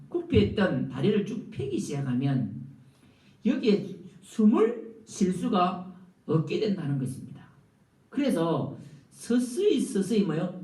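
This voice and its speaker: A male pastor preaching a sermon, often asking the congregation rhetorical questions and stressing words with big swings in pitch. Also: darkish tone. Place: church sanctuary. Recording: echoey church room, mic at a distance.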